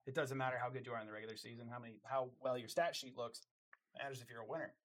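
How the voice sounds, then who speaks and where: Male co-host, laid-back sports talk, confident and opinionated, mid-pitched voice. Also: steady tone, racing. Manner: opinionated, runs through lists of players. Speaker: podcast co-host. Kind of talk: casual sports chat.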